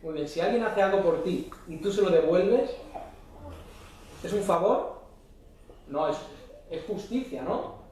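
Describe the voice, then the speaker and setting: A pastor preaches a sermon in a church hall, often putting short questions to the congregation. His voice sits high and is expressive yet dark in tone, at a measured pace with frequent pauses, recorded from a distance in the echoey hall with slight background noise.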